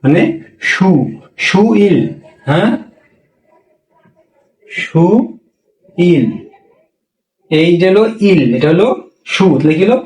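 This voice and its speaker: A man's voice: high voice, lively intonation, fast talker, a little mellow, reverberant, distant mic, low-quality recording. A man teaching a pronunciation lesson, asking and answering his own questions and repeating each point. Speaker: language teacher.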